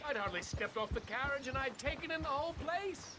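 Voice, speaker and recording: A woman's voice: high voice, lively intonation, fast talker, noisy background. An actress playing a stranded, haughty and chatty lady from New York City in an Old West video game, theatrical, genteel and wordy. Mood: disdainful. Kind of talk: video game period drama acting.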